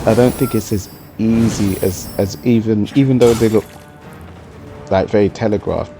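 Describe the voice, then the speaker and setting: A man's voice: low voice, gravelly. A man giving casual gameplay commentary in an explanatory, conversational way. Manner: explanatory and conversational, often tagging on "you know". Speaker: gaming video commentator. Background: music under the voice.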